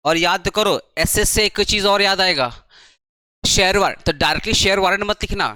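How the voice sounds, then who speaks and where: Male tutor, brisk, repeats terms, dry close sound. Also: high voice, pushed and bright, no room sound. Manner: brisk, urges students to write fast, repeats terms. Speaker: commerce tutor. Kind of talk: classroom lecture. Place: coaching classroom.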